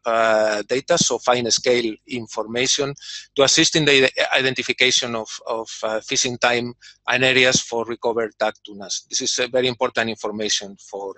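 Over a video call, a man representing his industry delivers a prepared conference keynote read from a script. His mid-range voice sounds pushed and bright with no echo, and his speech is full of fillers and repeated words.

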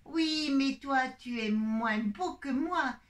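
Woman doing a squeaky, bragging little bear cub. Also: slow. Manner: squeaky, bragging, sing-song childish voice. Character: boastful vain little boy teddy bear. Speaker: puppeteer. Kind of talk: children's puppet show.

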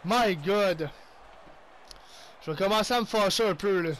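A young man with a Québécois accent giving excitable play-by-play commentary on his own hockey video game, mixing in English exclamations. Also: sits high, measured pace. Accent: Québécois French. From Quebec. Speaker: gaming YouTuber.

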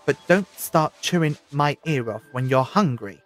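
A man acting an eccentric, excitable time-travelling adventurer in an audio drama, theatrical and muttering to himself in stops and starts. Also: on the high side, moderate pace, soft background music, lightly acted. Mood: flustered. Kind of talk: full-cast audio drama.

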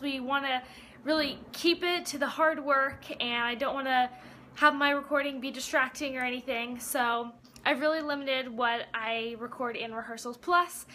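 Bubbly high-voiced young woman vlogging. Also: bright, forceful tone. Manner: bubbly and enthusiastic, laughs often. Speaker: vlogger and ensemble cast member. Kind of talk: casual vlog.

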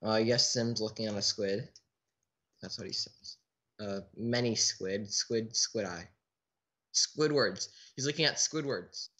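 A man's voice: lowish voice, a little slow, sharp tone. A man giving casual let's play commentary, chatting in a restless way with a teammate who cannot be heard. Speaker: gaming channel host.

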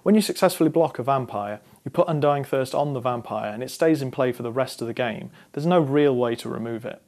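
A young man in his twenties talks straight to camera in a scripted explainer, walking through card game strategy. His delivery is measured and instructive. His voice sits at an ordinary mid pitch. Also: a little mellow. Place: studio against a dark backdrop.

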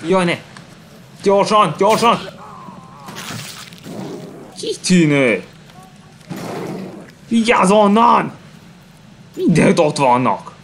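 A man commentating his own game playthrough, calm and hesitant between fights and yelling at the screen during them. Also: high-pitched, creaky, a little hiss or hum. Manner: hesitant with filler pauses when calm. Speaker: gameplay commentator. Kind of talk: let's play commentary.

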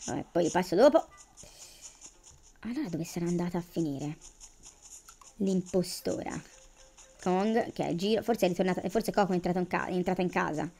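A woman's voice: fairly low pitch, normal speed, long pauses, dark tone, soft background music. A woman giving casual, chatty commentary on her gameplay, thinking aloud and exclaiming as she goes. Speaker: gamer.

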